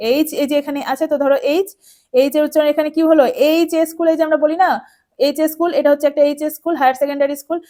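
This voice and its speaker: A woman with a high, light voice talks a class of children through a grammar rule. She goes over each point patiently and again, checking often that the students follow. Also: dark tone. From West Bengal, India. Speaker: teacher. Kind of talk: explaining an English grammar lesson.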